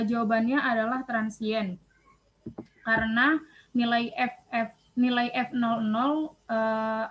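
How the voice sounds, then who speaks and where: A woman's voice: on the high side, dull audio. A young woman, a student presenter, reading worked probability examples aloud, hesitant with fillers and self-corrections.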